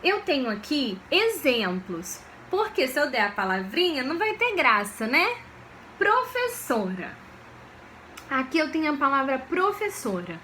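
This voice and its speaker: A woman teacher, giving a video lesson for children in a slow, patient way and often checking that they follow. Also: sits high, big pitch swings, sharp tone, slight background noise. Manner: slow, patient, checks understanding with frequent questions.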